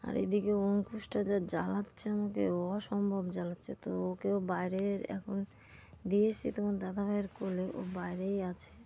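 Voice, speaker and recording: A woman's voice: mid-range voice, flat delivery, a little fast, gravelly, warm tone, a little hiss or hum. A young woman, talking in a casual daily vlog at home while she feels sick and has a sore throat. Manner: tired and unwell, talking through her day. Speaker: vlogger. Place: at home, indoors.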